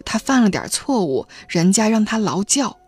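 A woman's voice: medium pitch, big pitch swings, normal speed, slightly rough, faint music behind. Woman reading a flustered village teenage boy. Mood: exasperated. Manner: loud, exasperated explaining.

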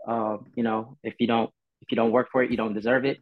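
A Filipino man in his twenties chats casually as a podcast guest, easygoing and rambling with plenty of fillers. His voice is medium-pitched and level, and he talks fast. The recording is dull and dry with no room sound, with faint music in the background.

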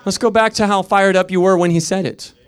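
Impassioned male preacher, pitch swings. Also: steady tone, brisk, clean tone. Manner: impassioned preaching, swinging from loud emphatic peaks to quiet storytelling; repetitive, rhythmic emphasis. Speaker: pastor. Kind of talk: sermon.

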